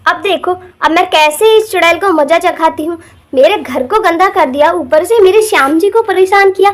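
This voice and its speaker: A woman's voice: very high-pitched, moderate pace. A woman voicing a brave, fussing young housewife who talks herself through every step in running commentary, in a homemade doll drama. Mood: determined.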